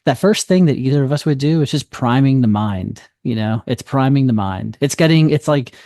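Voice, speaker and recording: A man's voice: mid-range voice, expressive, normal speed, warm tone, no room sound. Agreeable man chatting, dry close sound. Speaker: teacher. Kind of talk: casual chat.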